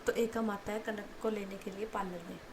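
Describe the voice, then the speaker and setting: A woman's voice: medium pitch, fairly even intonation, brisk, noisy background. A woman narrating a love story in a casual, chatty way with asides to listeners.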